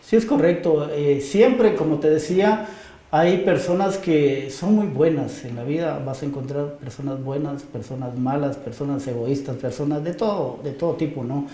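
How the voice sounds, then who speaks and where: A man with a Guatemalan accent, an author guest telling stories in a relaxed interview, easygoing and quick to laugh. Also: fairly high pitch, reverberant. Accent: Guatemalan Spanish. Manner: easygoing, laughs often, many fillers like "¿no?".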